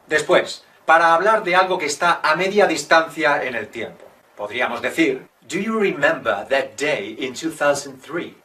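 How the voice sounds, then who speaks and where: A man teaching English in a video lesson. He makes jokey asides and reads his English examples slowly and carefully. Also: medium pitch, bright, forceful tone, far from the mic. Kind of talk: Spanish-language English lesson.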